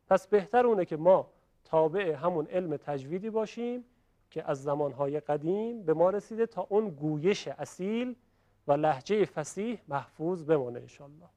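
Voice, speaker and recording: A middle-aged man teaching a classroom tajwid lesson, explaining and slowly demonstrating letter sounds for his students. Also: a little high, warm tone. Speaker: Quran recitation teacher.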